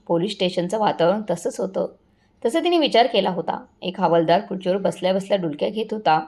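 A woman's voice: mid-range voice, darkish tone. A woman reading a dramatic story aloud and speaking every character's lines in much the same voice. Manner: addresses listeners as friends, reads all characters' lines in near-natural voice. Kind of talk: scripted story narration.

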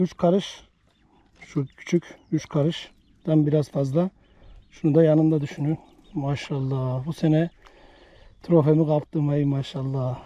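A man filming himself fishing outdoors by a lake, talking breathlessly and excitedly and muttering prayers under his breath. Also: fairly high pitch, lo-fi sound. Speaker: fishing vlogger.

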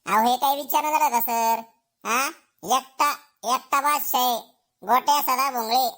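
A woman doing a cocky bragging schoolboy, high voice, twang, comedy sketch. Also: steady tone, moderate pace, a bit bright. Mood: boastful. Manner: swaggering, boastful, taunting. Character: cocky schoolboy bragging about his power.

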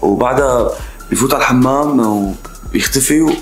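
A man's voice: medium pitch, brisk, close to an everyday voice. A man playing a polite, gossipy restaurant waiter. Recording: roomy room with music behind.

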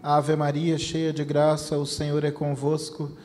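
A man with a Brazilian Portuguese accent reciting the rosary in a steady chant. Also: on the high side, unhurried, soft background music. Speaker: rosary prayer leader. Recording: long reverb with faint noise.

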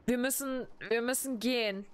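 Excitable woman streamer translating game dialogue. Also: fairly high pitch, normal speed, clear, resonant tone. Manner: excitable, blunt, swears casually. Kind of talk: live gameplay commentary, translating dialogue.

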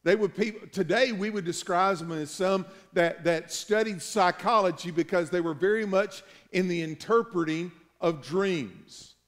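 A man's voice: sits high, a little slow, few pauses. A middle-aged man preaching a sermon as pastor in a large church sanctuary, earnest and building to emphatic peaks.

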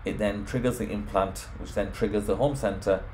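In a casual screen walkthrough of home automation software, a man explains things step by step. His lowish, slightly mellow voice keeps a fairly even intonation and a slightly fast pace, with a little hiss or hum.

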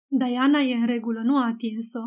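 Femeie care citește un bărbat în vârstă, aspru; voce înaltă, moale. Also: female voice, a little high, steady tone, darkish tone, lightly acted. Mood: urgent. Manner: gruff. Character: gruff older man, family friend.

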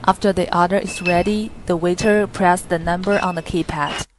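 Female voice-over for a product how-to, low register, steady read. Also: moderate pace, a little hiss or hum. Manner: plain, steady reading with small grammar slips. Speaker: product demo narrator. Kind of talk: scripted instructional voice-over.

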